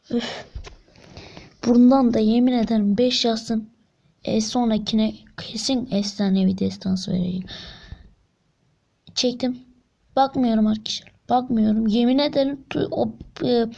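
A woman giving excited gameplay commentary, getting frustrated, counting rolls aloud and swinging between whispers and shrieks. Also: fairly high pitch, creaky. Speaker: gaming video creator. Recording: dull lo-fi sound.

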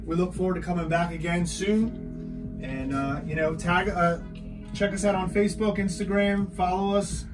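A young barber makes his sales pitch for bookings, filling gaps with casual fillers, in a fairly high voice. He sits a little away from the phone mic, and music plays in the background. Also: steady tone, moderate pace, distant mic, rough recording. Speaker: barber and shop co-host. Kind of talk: promotional vlog chat. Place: inside a barber bus.

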